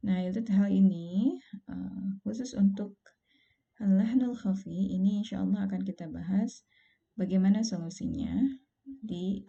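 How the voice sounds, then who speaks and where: A woman gives a calm, patient recitation lesson and slows right down whenever she recites an example. Her voice is very dark and mellow, with a gravelly fry underneath. The sound is dull and lo-fi. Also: mid-range voice. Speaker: Quran recitation teacher. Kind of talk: online lesson.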